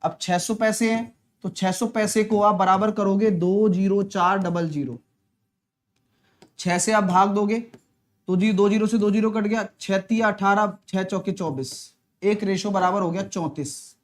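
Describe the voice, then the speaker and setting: A male maths teacher with a sore throat, giving a live online class in a soft voice and clearing his throat often. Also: high-pitched, steady tone, unhurried. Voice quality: clears throat often, talks softly to spare it. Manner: chatty, teasing, answers viewers' comments.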